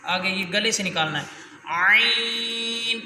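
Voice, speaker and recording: A male Quran teacher with a fairly high, very bright voice explains letter sounds with patience. He stretches each letter slowly as a model for his student. The sound is roomy, with a long reverb trailing his words. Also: fairly even intonation, slight background noise. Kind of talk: spoken lesson with letter drills. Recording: echoey room with long reverb.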